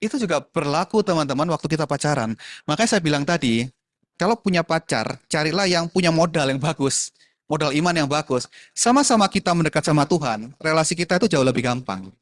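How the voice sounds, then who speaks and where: A chatty man, talking casually to a youth group and slipping English words in. His voice sits a little high for a man and is recorded close and dry, with no room sound. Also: expressive, a little fast, no room sound. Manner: chatty, mixes in English words, addresses the audience as friends.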